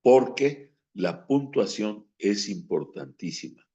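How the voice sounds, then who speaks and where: A man from Mexico teaches breathing and diction in an unhurried, measured way. He stresses key words and acts out lines to show phrasing. The sound is muffled and lo-fi. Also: lowish voice, very animated, mellow. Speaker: speaking coach. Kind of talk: instructional talk on voice and diction. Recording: dull lo-fi recording.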